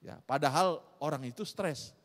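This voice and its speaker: Middle-aged male pastor, high voice, sermon delivery that swings between loud and hushed, church hall with long echo. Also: moderate pace.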